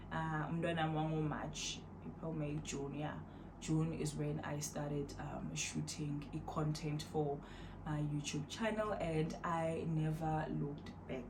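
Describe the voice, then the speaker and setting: A woman's voice: low-pitched, steady tone, a little slow, noisy background. A South African woman in her thirties chatting casually to her viewers at home, laid-back and rambling, mixing in Zulu phrases. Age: 30s. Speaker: vlogger. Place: at home, indoors.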